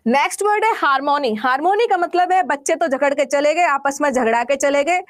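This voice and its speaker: A woman teacher explaining vocabulary, asking questions and answering them everyday examples. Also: high voice. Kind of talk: classroom vocabulary lesson.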